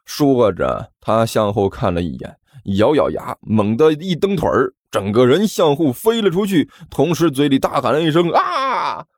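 Lively male audiobook storyteller. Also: medium pitch, normal speed, hardly any pauses, no echo, studio quality. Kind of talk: audiobook narration. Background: faint music.

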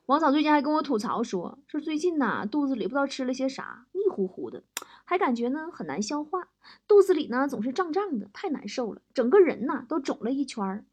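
A woman's voice: high-pitched, a little mellow. A woman telling a string of comic stories in a chatty way, laughing between the jokes. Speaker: joke teller. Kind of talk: comic storytelling.

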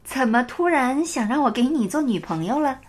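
A woman voicing a kind, gently smiling woman teacher who asks patient questions. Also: sits high, lively intonation, normal speed, husky, voice pushed up. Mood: gentle.

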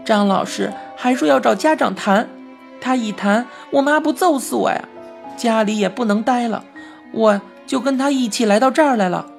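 A woman voicing a frank, lively boy who has turned into a mouse, in a Beijing-tinged storybook reading, chatty and quick to complain. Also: fairly high pitch, vocal fry, faint music behind, pitched above the performer's own voice. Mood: worried. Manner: indignant, chatty, rapid complaints. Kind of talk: storybook narration.

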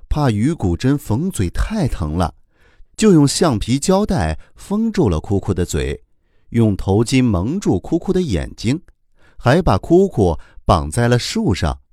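Animated male children's storyteller. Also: fairly low pitch, no room sound, studio quality. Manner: animated, warm storytelling, many drawn-out particles.

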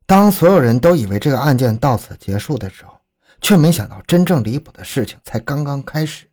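A man's voice: medium pitch, lively intonation, brisk, darkish tone. A man narrating a scripted true crime story in a dramatic, suspenseful storytelling manner.

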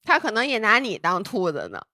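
A woman's voice: mid-range voice, wildly swooping pitch, a little fast, sharp tone, dry recording, studio quality. A woman podcast co-host chatting casually, teasing and playful. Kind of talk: casual chat.

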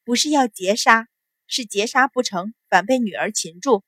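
Woman voicing a cool, sharp-witted young noblewoman. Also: on the high side, moderate pace, no echo. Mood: composed. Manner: composed, coolly sarcastic.

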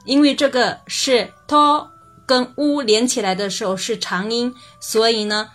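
A woman's voice: a little high, fairly even intonation, fairly bright tone, soft background music. Patient woman teaching pronunciation. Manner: patient, repeats example words slowly for practice. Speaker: language teacher. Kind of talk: explaining Japanese pitch accent.

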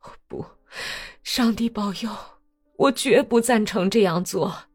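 A woman voicing a devout, indignant old peasant woman who speaks slowly and drawn-out. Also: medium pitch, darkish tone, faint music behind, voice pushed up, close to an everyday voice. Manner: slow, drawn-out, pleading.

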